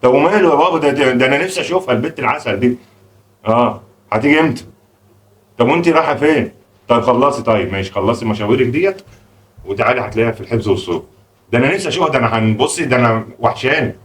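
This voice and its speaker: A man's voice: medium pitch, animated, distant mic. A man with an Egyptian Arabic accent playing a flustered, placating father in a family comedy sketch. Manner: fast-talking, flustered and placating. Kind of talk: comic home sketch acting.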